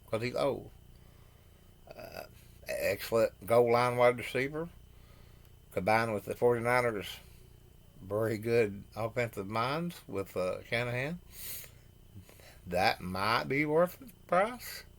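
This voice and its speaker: A man with a lowish voice reads NFL signings off handwritten notes, pausing and correcting himself as he trips over names. Between items he drops plain, opinionated asides about the deals. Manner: halting, apologetic, stumbles over names. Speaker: host. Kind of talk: reading NFL news from notes.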